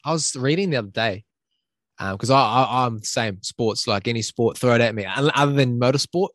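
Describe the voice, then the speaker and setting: A man's voice: mid-range voice, a little fast, a bit bright, dry recording, clean studio sound. A man from New Zealand with a New Zealand accent, hosting a podcast in casual Kiwi English sprinkled with Maori greetings and slang. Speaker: podcast host. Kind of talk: casual chat.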